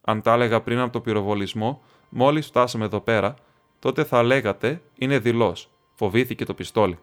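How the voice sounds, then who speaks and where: A man reading a classic novel aloud as an audiobook, in measured storytelling that lifts slightly for quoted speech. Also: medium pitch. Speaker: audiobook reader.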